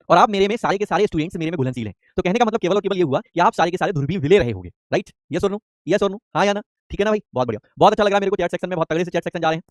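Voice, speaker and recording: Rapid-fire male chemistry teacher quizzing students. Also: fairly high pitch, no room sound, studio quality. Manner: rapid, repetitive, quizzing students with call-and-response questions. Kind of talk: live online class lecture.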